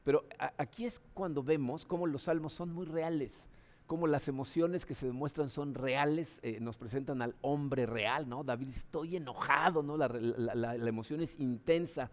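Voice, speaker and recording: A man, a Mexican pastor, preaching a sermon in a conversational way, often tagging his sentences with a questioning "no?". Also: moderate pace. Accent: Mexican Spanish. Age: adult, father of children. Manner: conversational preaching, frequent "¿no?" tags; acts out voices with sudden high pitch jumps.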